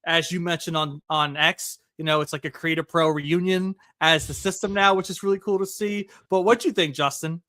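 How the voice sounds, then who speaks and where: With a bright, ringing, somewhat high voice, a man co-hosting a laid-back wrestling podcast chats excitedly and quickly, full of fillers. He speaks into a close mic in a dry room with no echo.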